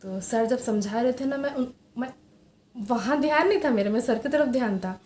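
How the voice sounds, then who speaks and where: A young woman vlogging from home, telling a personal story in a soft, hesitant way with many fillers. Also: on the high side, normal speed. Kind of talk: personal confessional vlog. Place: room at home. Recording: roomy echo, faint background hiss.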